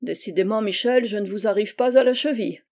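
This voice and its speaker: A woman's voice: medium pitch, fairly quick, lightly acted. Woman reading a courteous German-accented officer. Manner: courteous, flattering. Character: German Gestapo inspector, man, polite, smooth-talking.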